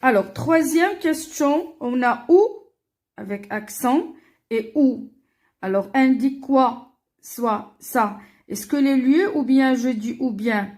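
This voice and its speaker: A woman walking pupils through a French worksheet, slowly and deliberately, repeating each answer and filling pauses with "alors" and "euh". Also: sits high, darkish tone. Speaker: teacher. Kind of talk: worksheet walkthrough for primary pupils.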